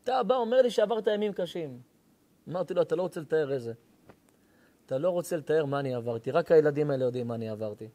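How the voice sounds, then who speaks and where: Impassioned preaching rabbi, man, somewhat high. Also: expressive, dark tone. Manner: impassioned, rising to pleading cries. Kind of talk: emotional sermon.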